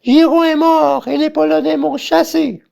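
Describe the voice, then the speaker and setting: Shrill, high-pitched tyrant's wife. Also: female voice, fairly even intonation, measured pace, creaky, mellow, heavily acted. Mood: mocking, curious. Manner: shrill, exclamatory. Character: shrill, mocking, scheming wife of a buffoon tyrant. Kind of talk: theatrical farce acting.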